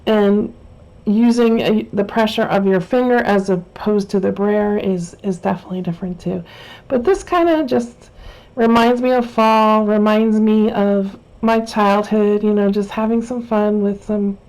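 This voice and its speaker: A woman's voice: mid-range voice, measured pace, a little mellow, low-quality recording. A woman casually talking through a Bible journaling craft tutorial, chatty and rambling, with many fillers and restarts. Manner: chatty, rambling, self-correcting with frequent fillers.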